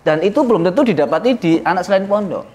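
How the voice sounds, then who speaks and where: Animated East Javanese man teaching. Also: racing. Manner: lively storytelling with sudden rises in pitch and chuckles. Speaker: Islamic boarding school leader teaching a classical text. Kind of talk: informal religious lesson to students.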